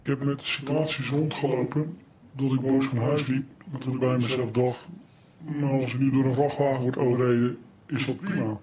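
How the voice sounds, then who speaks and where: A police officer speaking through a disguised, distorted voice, telling a flat, weary account. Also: male voice, normal speed, crowd noise. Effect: disguised, distorted deep voice.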